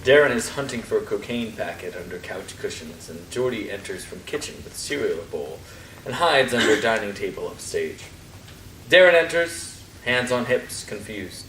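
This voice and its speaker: Deep-voiced man reading stage directions, echoey. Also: animated, normal speed, a bit bright. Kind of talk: scripted narration at a play reading. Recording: distant, echoey room, faint noise.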